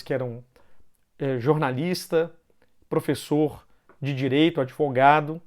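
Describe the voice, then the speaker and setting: A man with a Brazilian Portuguese accent speaks in a fairly high, darkish voice, explaining something informally and often closing phrases with a questioning "né". His pace is loose, with pauses and restarts.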